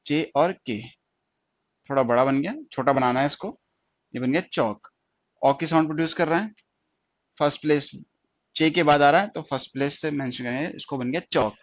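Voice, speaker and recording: A man's voice: fairly high pitch, a little fast. Man teaching shorthand, dull dry recording. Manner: explains step by step, repeating each point with checking questions. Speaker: stenography teacher. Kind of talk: classroom lesson.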